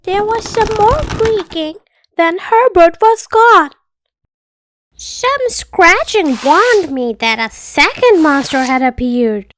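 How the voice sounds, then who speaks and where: A woman reading a children's storybook aloud with expressive, playful narration. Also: very high-pitched, slow pace, slight background noise.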